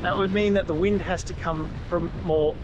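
A man's voice: high-pitched, steady tone, moderate pace, muffled recording. A man explaining sail trim in a casual, hands-on way while standing on the deck of a catamaran at sea, pointing things out as he goes. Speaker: sailing instructor. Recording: loud wind noise on the mic outdoors.

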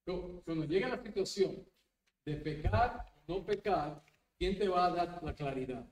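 Male pastor, fairly high voice, lively Bible-study teaching, echoey hall, mic at a distance. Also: a little slow. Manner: animated, mixes English words into Spanish, tag questions. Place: church.

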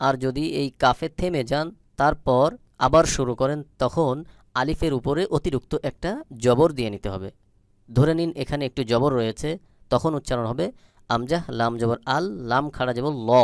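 A man with a Bangladeshi Bengali accent teaching Quran recitation, spelling out syllables slowly and deliberately and repeating them. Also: medium pitch, dry recording, studio quality.

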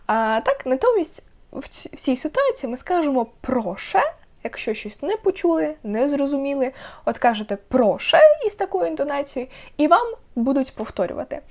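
A young woman with a high, very lively voice gives a beginners' language lesson. She says example words slowly and clearly, then repeats them so learners can follow. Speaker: Polish language teacher.

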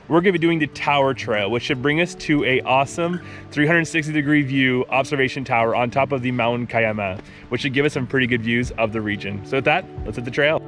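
A young man with a mid-range, slightly bright voice films himself on a forest hiking trail for a travel vlog, holding the camera at arm's length. He narrates in an upbeat, joking manner, poking fun at the stairs.

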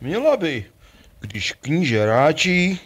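A man's voice: on the high side, big pitch swings. A man playing an obliging, clownish servant in a rhymed puppet play, comic and folksy.

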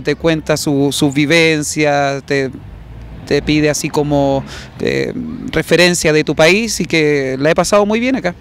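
Here a young Chilean singer, originally from the south of the country, chats casually for a promo interview out in an open plaza. The interviewer holds a handheld mic, and his fairly high voice comes through with a little hiss or hum.

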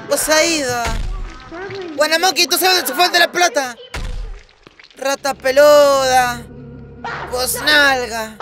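A gamer with a very high voice gives casual, excitable commentary while playing a VR game. He laughs a lot and shouts at the game.

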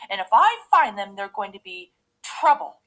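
A woman voicing a gruff, indignant father bear in a storybook, growling and roaring his words. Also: on the high side, expressive, drawn-out words, full character voice, low-quality recording.

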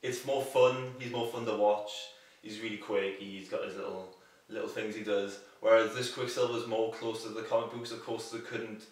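A man talks through a casual film review as a guest. He speaks haltingly, full of "like"s and restarts, in a lowish voice. He sounds far from the mic, and his voice rings in a very echoey room. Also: fairly even intonation. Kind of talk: casual movie review chat.

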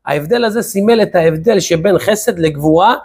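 Male rabbi teaching the weekly portion; raised pitch with a breathy edge, animated storyteller. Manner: lively storyteller asking rhetorical questions. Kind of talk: weekly Torah lesson.

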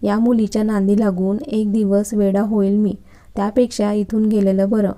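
A woman's voice: medium pitch, level tone, moderate pace, dark tone, natural voice. A woman reading the lines of a short-tempered young male college lecturer in a storybook romance, speaking in an irritable, scolding way. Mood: irritated.

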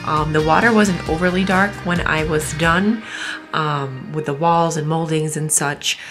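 Woman, 30s, deep-ish voice, casual practical cleaning narration, light music bed. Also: a little slow. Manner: chatty, practical, relaxed explaining. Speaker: cleaning vlogger.

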